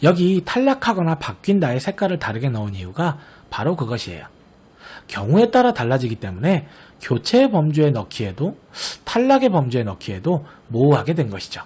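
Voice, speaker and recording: Husky-voiced man teaching a lesson. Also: fairly high pitch, wildly swooping pitch, darkish tone. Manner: patient, explanatory, often checks understanding with the class; slowly sounds out example words to model pronunciation. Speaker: Korean language teacher. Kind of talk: recorded online grammar lesson.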